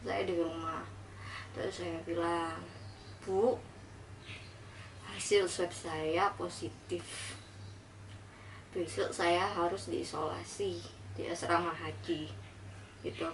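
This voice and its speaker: A woman's voice: medium pitch, fairly bright tone. A young woman tells a personal story in an earnest, reflective voice. She sits a little way from the mic, and there is a faint hiss behind her. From Indonesia. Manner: earnest, reflective retelling, acting out dialogue. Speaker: vlogger. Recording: slightly distant mic with faint noise.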